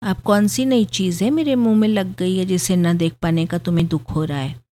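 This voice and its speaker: A woman's voice: fairly low pitch, normal speed, dark tone, lightly acted. A woman voicing a playful, pampered young bride, with a pouting, teasing sing-song delivery in a storybook reading. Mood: girlish.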